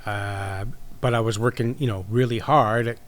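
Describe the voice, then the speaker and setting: A man's voice: fairly low pitch, fairly even intonation, normal speed, a little hiss or hum. A man, a podcast guest chatting casually and explaining his baking with many fillers. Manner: rambling, explanatory, lots of fillers. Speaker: podcast guest, sourdough baker.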